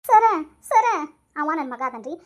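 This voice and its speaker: Skit role: woman voicing a crying, pleading mother, North Karnataka accent, very high voice. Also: sing-song, unhurried, a little mellow. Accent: North Karnataka Kannada. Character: desperate mother pleading for her son. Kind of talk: comic skit acting.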